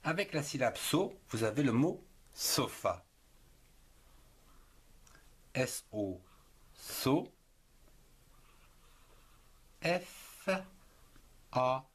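A man gives a slow spelling lesson, sounding out words letter by letter and syllable by syllable at an extremely unhurried pace. His voice is husky and his pitch swings up and down in a lively, sing-song way. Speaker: writing teacher.

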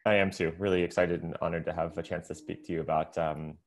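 Eager low-voiced male podcast host. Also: little pitch movement, fast. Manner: eager, upbeat, filler-heavy. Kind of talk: casual video-call interview. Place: room indoors. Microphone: earbud headset mic on video call.

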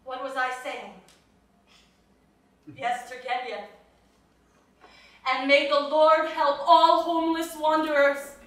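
Brief: woman playing wistful, unraveling young actress; slow, slightly high, distant in a reverberant theater. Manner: dreamy, wandering, drifting between hush and outburst. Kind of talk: stage play performance. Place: theater stage. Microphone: distant room mic. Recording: echoey theater taped from far off.

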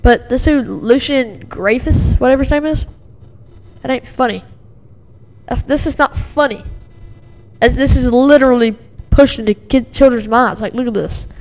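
Worked-up woman ranting at home over a clip, lots of like and you know, kinda high voice. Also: moderate pace, a little mellow. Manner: agitated, rambling, many fillers and repeats. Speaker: video commentator. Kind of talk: casual reaction commentary. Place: home with a dog and a TV in the background.

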